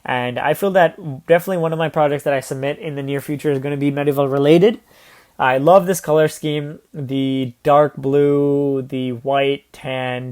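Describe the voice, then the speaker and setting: A man's voice: medium pitch, a little mellow. A man casually reviewing toy building sets, rambling with lots of fillers and restarts.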